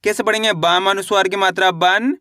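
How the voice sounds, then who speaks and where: A man teaching reading in a video lesson, drilling each sound with repeated questions and slow model words. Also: high voice, steady tone, pushed and bright, no room sound, studio quality. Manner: repetitive call-and-response drilling, drawn-out model words. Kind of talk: classroom-style video lesson.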